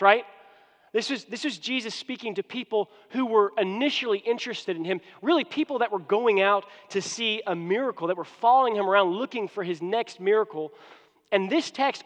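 A male pastor delivering a sermon in a conversational way, often restarting his sentences. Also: high voice. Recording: long hall reverb.

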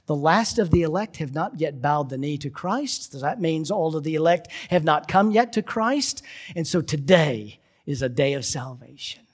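A male pastor preaches with a husky, slightly high voice. He tells his story dramatically, pushing key lines out loud and dropping others almost to a hush. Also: animated, normal speed. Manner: dramatic, swings from loud emphasis to hushed lows. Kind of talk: sermon.

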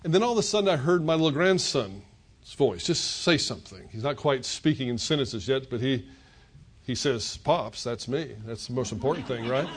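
A man's voice: mid-range voice, animated, fairly quick, slight background noise. An older man preaching a sermon, retelling scripture as a story and voicing the characters' words. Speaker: pastor.

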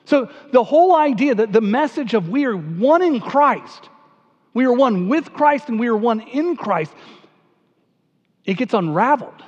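A man's voice: extremely high pitch, expressive, a little slow. A man preaching a sermon to a congregation, earnest and questioning, often repeating his words as he goes. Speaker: pastor. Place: church sanctuary. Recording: dull sound with a long hall reverb.

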